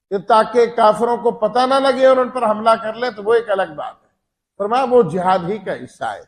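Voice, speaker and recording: High-voiced man giving earnest Quran commentary. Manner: earnest and explanatory, recites verses then expounds them point by point. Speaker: Quran teacher. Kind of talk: Urdu sermon-style Quran commentary.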